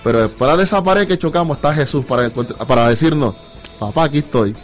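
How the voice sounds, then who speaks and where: A man, a guest musician, telling a lively personal faith story in a casual interview, acting out dialogue as he goes. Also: fairly high pitch, fast talker, soft background music. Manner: animated storytelling, acts out dialogue with God.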